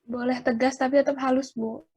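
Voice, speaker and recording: A young woman student with a high voice answering her lecturer over a call. She speaks hesitantly and politely. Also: fairly even intonation, a little fast, mellow, breathy edge. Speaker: nursing student.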